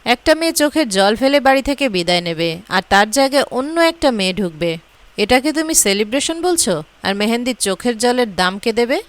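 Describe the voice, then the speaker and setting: A woman's voice: on the high side, sing-song, a little fast. A woman reading as an indignant scolding father. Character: stern middle-aged man, a disapproving father.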